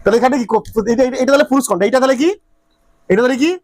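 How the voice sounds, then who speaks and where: High-voiced male physics teacher, dry sound. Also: very fast, darkish tone, no room sound. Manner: drills students with repeated questions, checks understanding often. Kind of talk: classroom lecture. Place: classroom.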